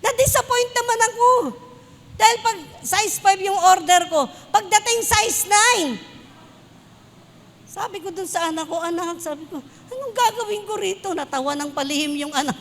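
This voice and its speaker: A woman's voice: very high-pitched, normal speed. A Filipino woman preaching a church sermon, switching between Tagalog and English and telling personal stories. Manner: mixes Tagalog and English, tells anecdotes with laughs. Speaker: pastor. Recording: long hall reverb.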